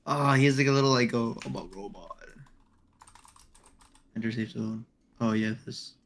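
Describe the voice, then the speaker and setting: Man, game streamer, casual chatter, loud reactions, frequent laughs, keyboard typing behind. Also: medium pitch, steady tone, moderate pace, slight background noise. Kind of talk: casual live-stream chat while gaming.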